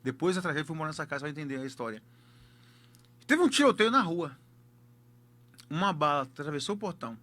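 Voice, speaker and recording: Brazilian pastor guy telling his story, talks fast and punchy, repeats words. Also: a little high, lively intonation, pushed and bright. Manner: emphatic, repeats key words for effect. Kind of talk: personal testimony storytelling.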